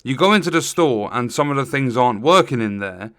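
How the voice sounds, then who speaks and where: A man records an off-the-cuff game review voice-over. His voice is bright and forceful, in a middling register. He lays out his complaints plainly, with frustration, in a close, dry recording. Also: medium pitch, animated, brisk, dry recording. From Europe. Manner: frustrated, matter-of-fact complaining.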